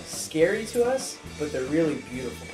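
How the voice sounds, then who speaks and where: A man in a band recounting a story in a relaxed, slangy way, with his voice sitting a little high. The room is echoey, and music plays clearly behind him. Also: moderate pace. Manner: animated, laid-back slang storytelling. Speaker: band member. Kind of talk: casual interview storytelling.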